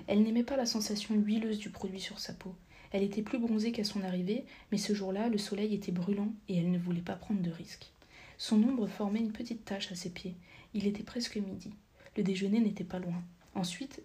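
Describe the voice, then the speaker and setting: A woman reads a story aloud as a whispered audiobook, soft and half-whispered, in a medium-pitched voice. Now and then she slips and corrects herself.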